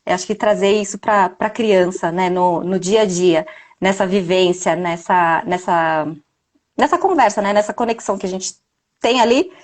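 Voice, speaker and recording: A woman's voice: mid-range voice, normal speed, darkish tone. A mother talking reflectively in a casual live video chat, often ending her points with a tag question.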